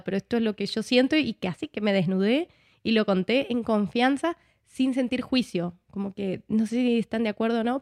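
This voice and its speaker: An Argentine actress appears as a guest in a casual conversation, chatty and switching accents, often tagging her thoughts with "¿no?". Her voice is fairly high, recorded at studio quality with no echo.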